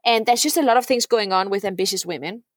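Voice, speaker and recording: A middle-aged Danish woman, a guest on a podcast, talks fast and earnestly at a medium pitch in a heartfelt conversation. She often repeats words and checks in with "right?". The studio-quality recording has no room sound.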